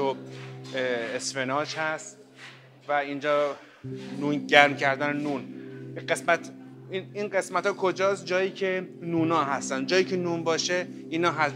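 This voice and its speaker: A man giving a chatty walking tour of a hotel buffet restaurant, talking straight to his viewers with lots of fillers. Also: fairly high pitch. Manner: chatty, addresses viewers as friends, many fillers. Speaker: hotel review vlogger. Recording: background music under voice. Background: background music.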